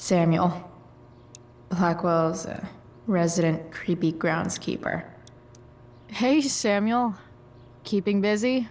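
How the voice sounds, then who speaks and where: A woman's voice: fairly low pitch, fairly even intonation, slow pace, pauses often, darkish tone, slight background noise. A woman acting a sarcastic, rebellious teenage punk girl in a video game, with dry, slangy delivery. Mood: casual. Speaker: game character, rebellious student.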